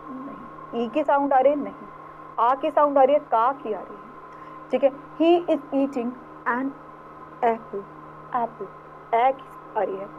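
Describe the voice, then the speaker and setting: A woman's voice: a little high, a little hiss or hum. A woman teacher with an Indian accent giving a grammar lecture, patiently repeating words and quizzing her students. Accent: Indian English. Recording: dull lo-fi audio.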